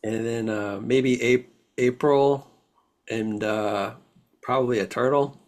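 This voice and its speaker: A man's voice: medium pitch, takes it slowly, a little mellow. A man co-hosting a casual chat, speaking hesitantly and trailing off. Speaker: co-host.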